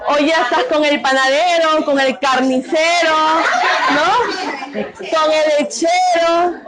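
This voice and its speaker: A middle-aged woman with a high voice, teaching a group. She keeps asking the audience questions and answering them herself, tagging her points with quick questions. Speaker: workshop speaker on domestic violence. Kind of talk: interactive talk to a group.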